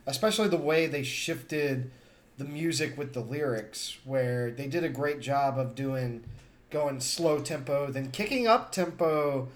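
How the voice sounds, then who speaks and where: A young man in casual chat as a podcast co-host, tipsy after a few beers, relaxed and rambling with playful teasing. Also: medium pitch, measured pace.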